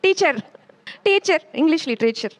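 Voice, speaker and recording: A woman's voice: high-pitched, lively intonation, normal speed. Defensive woman in a debate. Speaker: employer, debate guest. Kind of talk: heated debate.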